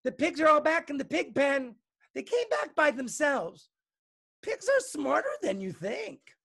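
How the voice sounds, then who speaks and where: A man reading a storybook and voicing a bold, loud young farm girl with a shouty, exaggerated, sing-song delivery. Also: very high-pitched, very animated, unhurried, vocal fry, voice pushed up, full character voice. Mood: triumphant.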